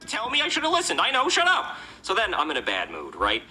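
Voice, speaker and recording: A man's voice: sits high, wildly swooping pitch, fast, bright, forceful tone, exaggerated voice, poor audio. A man playing a brutal bragging cop. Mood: boastful. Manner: boastful storytelling. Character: crude brutal male cop bragging about violence. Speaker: police officer.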